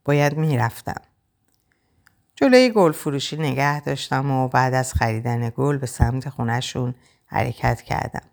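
A woman narrating a novel in the first person, in a quiet, reflective, measured way. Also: very deep voice, creaky. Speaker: audiobook narrator.

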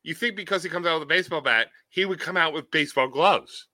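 A man chatting and riffing in a comedic podcast, acting out silly voices as he tells bits. His voice is very bright and a little high for a man. The sound is dry and close to the mic. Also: fast talker, no room sound. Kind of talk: casual comedic chat.

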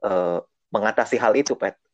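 A man's voice: on the low side, moderate pace, dry recording. A man hosting a casual interview, prompting and summing up his guest's points. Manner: encouraging, sums up and prompts. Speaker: host. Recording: dull, dry lo-fi recording.

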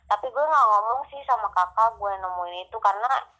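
A woman's voice: medium pitch, a little fast, bright, forceful tone, low-quality recording. A young woman casually telling a personal ghost story with many fillers and restarts. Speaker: storyteller guest. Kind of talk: casual chat.

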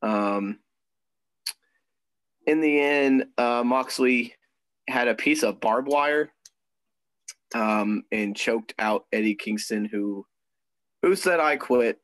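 A man's voice: mid-range voice, slow pace, long pauses, a bit bright, dry recording, poor audio. A young man co-hosting a podcast in casual chat, talking easily with frequent ums and laughs. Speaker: podcast co-host. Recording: dry close sound.

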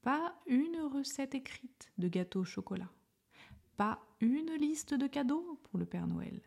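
A woman reading a children's storybook aloud with gentle expression. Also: high voice, big pitch swings, measured pace, creaky.

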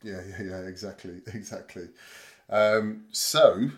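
Male podcast host, low voice, casual, hesitant and rambling. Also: fairly even intonation, slow pace. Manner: rambling, hesitant with many fillers and restarts. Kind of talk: casual chat.

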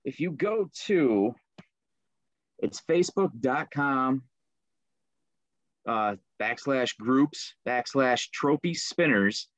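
A guest from Liverpool, New York, chats easygoingly about the fishing lures he makes in a casual interview, with plenty of ums and fillers. His medium-pitched voice has lively intonation, and he speaks slowly with long pauses. The recording is dry.

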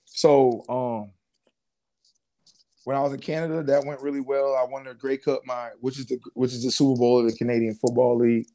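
A mid-range male voice, brisk in tempo. The speaker is a twenty-something ex-pro footballer sharing his background in an easygoing interview, leaning on slang and frequently restarting or filling pauses.

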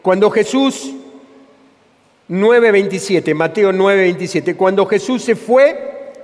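A man's voice: high voice, slow pace, a little mellow. A man preaching a sermon with a Rioplatense Spanish accent, repeating phrases for emphasis. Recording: long reverb of a church hall.

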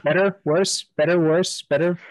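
A man's voice: a little high, fairly even intonation, dry recording. Man with a clipping, distorted mic. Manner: laughs often, quick to joke. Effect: clipping, loud muffled distorted mic. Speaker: podcast co-host. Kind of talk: casual chat about a TV series.

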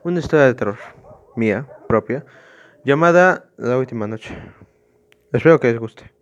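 A man hosting a podcast, reading his own horror story aloud with casual, hesitant asides between measured narration. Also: medium pitch, expressive, dry recording, muffled recording.

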